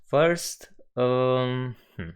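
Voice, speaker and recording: A man's voice: medium pitch, smooth. A young man from Romania with a Romanian accent, live-streaming a coding tutorial and thinking aloud at his desk. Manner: unhurried, musing, reads chat aloud.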